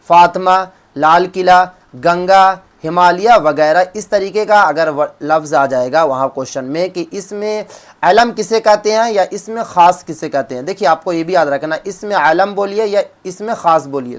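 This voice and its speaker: A man giving an exam-prep Urdu grammar lesson, asking questions and answering them himself, repeating each definition slowly. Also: high-pitched. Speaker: Urdu teacher.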